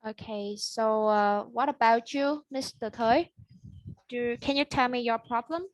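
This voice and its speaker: A woman's voice: on the high side, measured pace, no room sound, rough recording. Woman interviewing. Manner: reads prepared questions politely. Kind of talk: classroom English speaking exercise, scripted interview.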